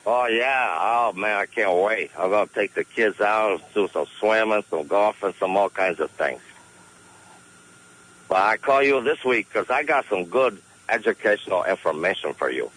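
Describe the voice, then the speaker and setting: A man's voice: fairly low pitch, normal speed, fairly bright tone, slight background noise, natural voice, poor audio. A man playing a folksy, scheming caller who speaks broken English on a radio call-in show. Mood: jokey. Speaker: comic call-in character. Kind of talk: radio call-in comedy bit.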